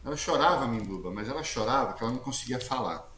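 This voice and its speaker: A man, a guest telling his testimony in a casual interview, talking loudly and acting out the dialogue he quotes with plenty of slang. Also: mid-range voice, quick pace. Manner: lively storyteller who acts out quoted dialogue, slangy; speaks loudly. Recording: echoey room with faint background hiss.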